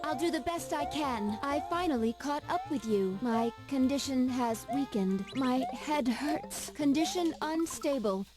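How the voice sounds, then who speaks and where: A woman's voice: high-pitched, unhurried, hardly any pauses, music in the background. Glitching android robot girl. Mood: faltering. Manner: clipped, formal combat calls. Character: female android battle robot, formal and dutiful. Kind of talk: voice lines played from a game.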